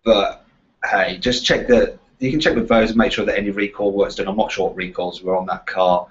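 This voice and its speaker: A man's voice: on the low side, fairly even intonation, a little fast, fairly bright tone. A British man presenting a casual car question-and-answer chat in a chatty, bantering way. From Walsall, West Midlands of England. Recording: slightly dull, lo-fi sound.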